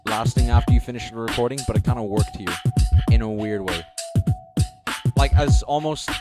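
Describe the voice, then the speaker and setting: A young man casually comments on a live stream while judging beatbox entries, rambling, correcting himself, and swearing freely. His mid-range voice moves at a normal speed over loud music.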